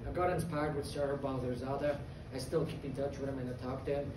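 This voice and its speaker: A young man from Afghanistan, an MMA fighter giving a confident, earnest post-fight interview with many pauses and fillers. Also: medium pitch, level tone, noisy background. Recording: echoey venue, distant mic, loud crowd ambience.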